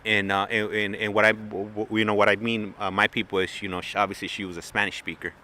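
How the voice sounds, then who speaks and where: Guy rambling through a story, lots of you know and like, lowish voice with a sharp edge, bit of noise behind. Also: little pitch movement, quick pace. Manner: loose and chatty, full of fillers and restarts. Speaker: plane-spotting livestream host.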